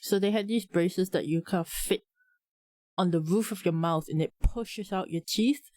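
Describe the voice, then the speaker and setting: A woman streamer chatting casually with her viewers, talking with a slight lisp and a relaxed, rambling manner. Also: fairly low pitch, normal speed, dry recording. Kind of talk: casual live-stream chat.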